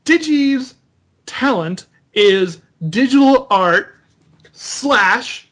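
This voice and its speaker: A man's voice: very high-pitched, lively intonation, extremely slow, a bit bright. A man hosting an unscripted podcast critique, reading a character bio aloud and stopping to mock and correct it. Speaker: podcast host.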